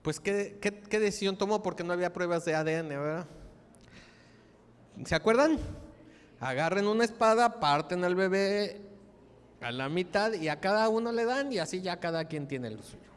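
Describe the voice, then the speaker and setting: Lively preacher, high, clear voice. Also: male voice, moderate pace, big-room sound. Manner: lively, joking, asks the congregation questions. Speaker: pastor. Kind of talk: sermon. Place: church.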